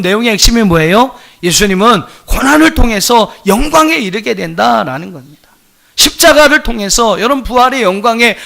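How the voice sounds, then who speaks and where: A man's voice: sits high, vocal fry, a bit bright. A male pastor preaching a sermon, addressing the congregation directly with emphatic rhetorical questions and light jokes. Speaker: senior pastor.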